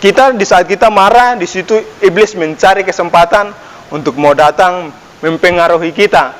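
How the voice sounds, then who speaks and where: A young man teaches a children's Sunday school lesson, talking to the kids like their older brother. His voice sits slightly high and lifts when he asks them questions. The sound carries a long reverb from a church hall. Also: normal speed, fairly bright tone. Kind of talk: children's sermon.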